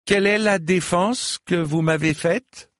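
Brief: cold, proud noble lady, done by a male reader, raised pitch, dry close sound. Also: expressive, a little slow, husky, no room sound. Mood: commanding. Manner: curt, commanding.

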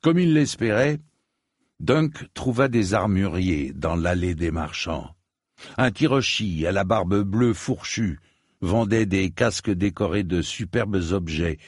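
Male audiobook narrator, deep and slow, husky grain, dry close sound. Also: no echo. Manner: slow, measured reading.

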